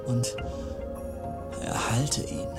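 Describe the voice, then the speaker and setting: A man playing the disciple James, solemnly retelling a story with sudden loud outbursts. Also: extremely slow. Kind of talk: dramatized biblical narration. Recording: music playing clearly behind. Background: music.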